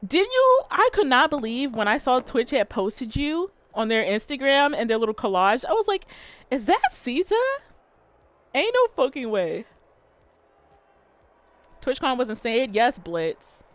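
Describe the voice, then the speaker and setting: A woman streamer telling a story and chatting with her viewers, animated and full of swearing. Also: high-pitched, a little slow, no room sound. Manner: profane, animated, talks straight to chat. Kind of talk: casual livestream storytelling and chat.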